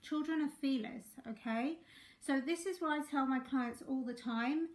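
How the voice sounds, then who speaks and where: Hoarse, croaky woman coach, higher voice, chatty and checks in with viewers. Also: moderate pace. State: hoarse from a sinus infection. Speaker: life coach. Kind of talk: live-streamed coaching talk.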